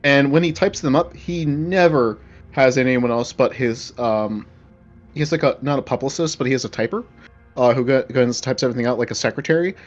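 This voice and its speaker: A man's voice: mid-range voice, a little fast, muffled recording, soft background music. A man narrating as game master of a tabletop horror game, loose and rambling. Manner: loose, rambling, lots of fillers and restarts.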